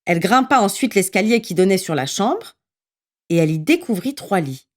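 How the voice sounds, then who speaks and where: A woman narrating a children's story in an expressive, lively reading voice. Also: mid-range voice, moderate pace.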